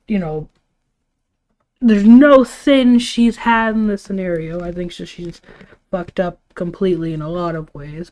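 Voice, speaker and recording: A livestream host with a medium-pitched, slightly mellow voice speaks casually and wearily. She shares her opinions in a rambling, informal way, dropping the occasional swear word.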